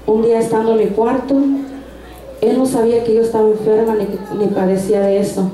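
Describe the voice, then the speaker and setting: A woman's voice: a little high, flat delivery, a little fast, mellow. Earnest woman testifying in an echoey hall. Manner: earnest storytelling with frequent restarts. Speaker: church member giving a testimony. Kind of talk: personal faith testimony in Spanish. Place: church service hall. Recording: echoey room sound.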